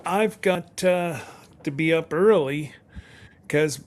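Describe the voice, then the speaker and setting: A man's voice: a little high, slow pace. A middle-aged man chatting casually on a live stream as co-host, rambling and folksy with many restarts.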